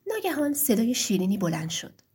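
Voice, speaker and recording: A woman narrating a storybook tale in a gentle, expressive manner with a breathy voice. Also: a little high.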